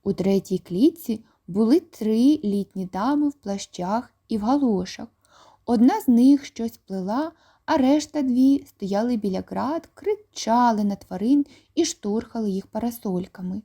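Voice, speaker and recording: A woman narrating a children's audiobook in a calm, expressive reading voice. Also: a little high, a little slow.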